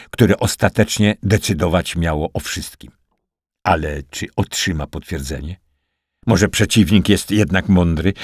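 A man narrating a wartime spy novel as an audiobook in a steady, dramatic reading. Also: low voice, slightly rough, no room sound, studio quality. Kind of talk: scripted narration.

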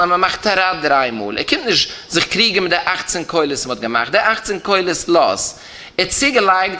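Male rabbi, Yiddish accent, lecture chant with rising and falling lines, bright voice. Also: on the high side. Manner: rising and falling chant, stresses key terms, repeats phrases. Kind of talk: Talmudic lecture in a singsong study chant.

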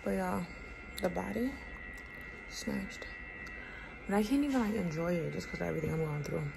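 Weak, weary young woman after surgery, creaky voice. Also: on the low side, animated, very fast. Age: young adult. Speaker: vlogger. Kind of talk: casual personal vlog. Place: small indoor rooms with bare walls. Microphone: phone held at arm's length. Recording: noisy handheld phone audio.

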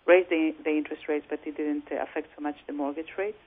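A woman's voice: sits low, fairly even intonation. Woman broker on a tinny phone line. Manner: measured, lots of "you know" fillers. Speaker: real estate broker and coach. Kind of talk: phone-in interview. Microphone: telephone.

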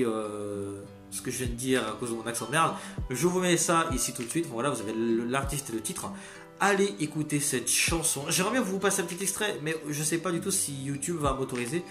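Excitable male reviewer who rambles and curses, recorded in a roomy space with soft music under him. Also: on the high side. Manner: rambling, excitable, swears freely. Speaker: video critic. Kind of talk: casual spoken review. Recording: roomy echo, faint music behind.

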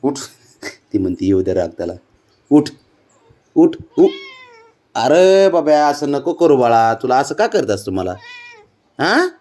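A man's voice: medium pitch, very animated, measured pace, long pauses, darkish tone. A man at home chatting to his cat, coaxing and teasing it in baby talk. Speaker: cat owner filming his pet. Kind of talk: casual talk to a pet.

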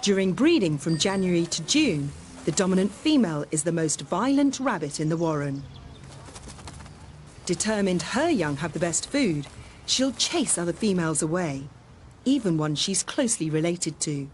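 A woman's voice: on the low side, very animated, moderate pace, darkish tone, a little hiss or hum. A woman reading scripted narration for a nature documentary.

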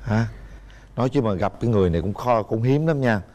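A man's voice: mid-range voice, expressive, fast, a little mellow, muffled recording. Teasing man hosting a dating show. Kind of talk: lively game-show hosting.

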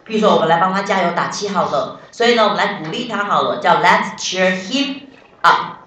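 A woman's voice: on the low side, fast, fairly bright tone. A woman English teacher, explaining vocabulary step by step and quizzing her students in class. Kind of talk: classroom lesson. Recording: very echoey classroom, voice from far off.

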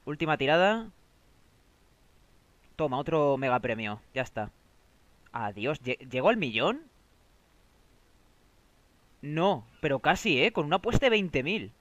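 A young man from Spain with a Spanish accent, streaming live and commenting on his game, excitable and quick to swear as he talks to viewers. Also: mid-range voice, no echo, highs cut off.

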